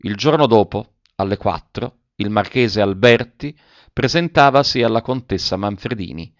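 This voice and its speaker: A man narrating a literary story in a measured, even way. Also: fairly low pitch, dry recording, highs cut off.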